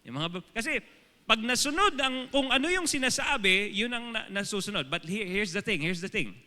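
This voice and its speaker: A man's voice: sits high, lively intonation, moderate pace, pushed and bright, long reverb tail. A Filipino man preaching a sermon as pastor to a congregation, firing rhetorical questions at them. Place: church hall.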